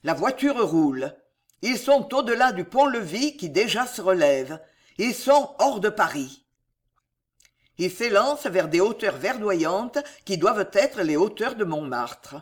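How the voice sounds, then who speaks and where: An audiobook narrator reads a historical novel in a slow, theatrical, dramatic storytelling style. The voice is mid-range with big swings in pitch.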